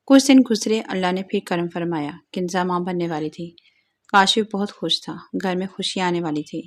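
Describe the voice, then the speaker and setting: A woman narrating an audio story with a moralizing, plain storytelling manner. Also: lowish voice.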